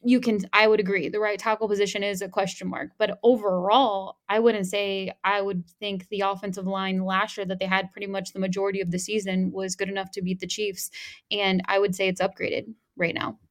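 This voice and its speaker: A woman's voice: mid-range voice, little pitch movement, a little fast. A woman co-hosting a sports podcast, chatting casually and thinking aloud as she goes. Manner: thinking aloud with fillers and restarts. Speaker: podcast co-host.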